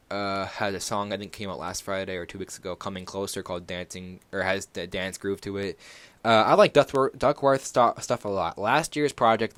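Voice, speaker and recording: A man's voice: deep voice, fairly bright tone, no room sound. A young man hosting a casual solo podcast, rambling through music news with many fillers and self-corrections. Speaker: podcast host.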